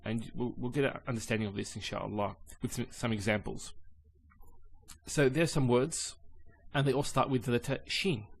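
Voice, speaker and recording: Male teacher, mid-range voice, steady patient lesson delivery. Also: mid-range voice, creaky, slightly rough. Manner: calm, measured explaining with pauses. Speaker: Arabic teacher. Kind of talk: explanatory lesson.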